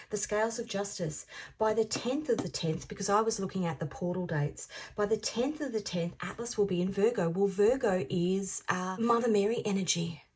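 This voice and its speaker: Husky-voiced fifty-year-old woman reading tarot. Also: medium pitch. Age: 50s. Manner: reflective, repeats phrases, drifts into soft half-whispers. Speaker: tarot reader. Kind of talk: intuitive tarot reading, musing aloud.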